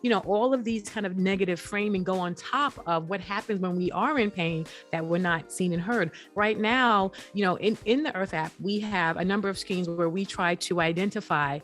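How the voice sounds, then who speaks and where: A woman's voice: medium pitch, normal speed, few pauses, soft background music. A woman guest on a podcast interview, explaining earnestly and often saying "you know.". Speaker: guest, app founder.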